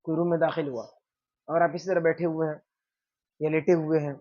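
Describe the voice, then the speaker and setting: A man's voice: fairly high pitch, little pitch movement, warm tone. A man teaching an informal religion class, asking questions and answering them himself, often checking in with his listeners. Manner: conversational, checks in with "theek hai". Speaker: Islamic teacher. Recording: dull lo-fi sound.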